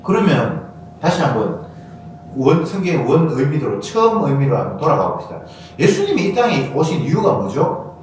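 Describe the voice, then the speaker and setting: A man preaching a sermon as pastor, animated and acting out quoted voices with sudden high bursts. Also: normal speed. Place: church sanctuary. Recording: echoey church hall from far off, faint noise.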